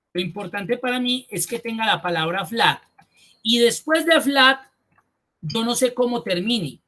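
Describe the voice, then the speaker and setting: A man's voice: high-pitched, fairly bright tone. Patient man teaching a class. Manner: patient, explanatory, repeats key points, thinks aloud. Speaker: spreadsheet course instructor. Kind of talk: online class lesson.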